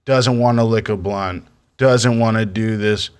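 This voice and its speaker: A young man co-hosting a casual podcast, telling animated stories and laughing often. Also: lowish voice, measured pace, clear, resonant tone. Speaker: podcast co-host. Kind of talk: casual chat.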